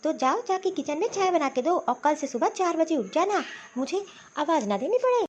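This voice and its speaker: Cartoon mother-in-law voiced by a woman, bossy, taunting, high voice, swooping pitch. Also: very animated, normal speed, darkish tone. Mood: scolding. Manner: scolding, taunting. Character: bossy middle-aged mother-in-law, scolding, proud of her son.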